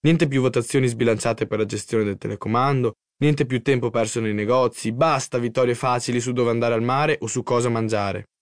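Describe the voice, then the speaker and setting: A man from Italy narrating his own memoir as an audiobook, telling the story in a lively, expressive way. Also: medium pitch, a little fast, hardly any pauses, no room sound, studio quality. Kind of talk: first-person audiobook narration.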